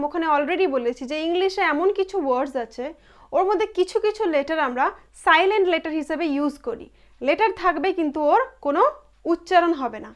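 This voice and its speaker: A woman teaching English pronunciation, repeating each word slowly and with emphasis. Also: high voice, fairly bright tone. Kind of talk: slow pronunciation lesson.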